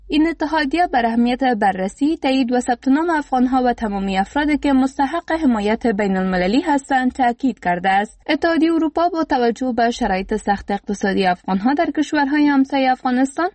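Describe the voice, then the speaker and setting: Woman reporter, bright high register, dry studio read, formal and steady. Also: no echo. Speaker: radio reporter. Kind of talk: scripted news report. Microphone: dry studio mic.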